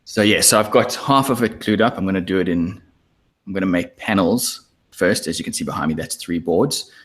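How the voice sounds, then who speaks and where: A man's voice: deep voice, a little fast, husky. A man co-hosting a casual podcast from his woodworking workshop, explaining his build step by step. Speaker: podcast co-host. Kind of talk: casual chat.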